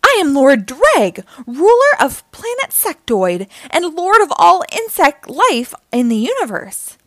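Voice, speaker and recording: A woman playing a fearsome, boastful male alien insect warlord in a children's story, shouting bombastically in outrage. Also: extremely high pitch, sing-song, measured pace, no echo, voice pushed up, full character voice. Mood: menacing, boastful.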